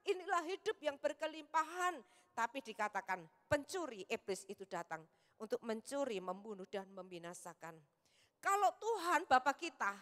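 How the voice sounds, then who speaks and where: A woman pastor with a Javanese Indonesian accent preaching a sermon, often calling out to the congregation and swinging from loud to soft. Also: sits high. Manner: calls out "saudaraku" constantly, swings between loud and soft. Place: church hall. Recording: reverberant church hall.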